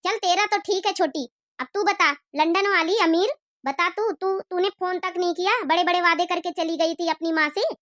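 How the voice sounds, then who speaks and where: A woman's voice: very high voice, normal speed, fairly bright tone, voice pushed up. A woman voicing an aged mother who scolds her grown daughters for neglecting her, then comforts them. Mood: scolding. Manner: scolding, reproachful.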